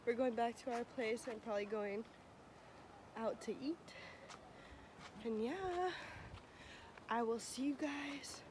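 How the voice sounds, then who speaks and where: A young woman talks to her handheld camera in an unhurried, chatty way. Her voice sits a little high, and she laughs and catches her breath between lines. Outdoor noise runs clearly behind her. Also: steady tone. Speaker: vlogger. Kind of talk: casual travel vlog. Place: outdoors at a bay.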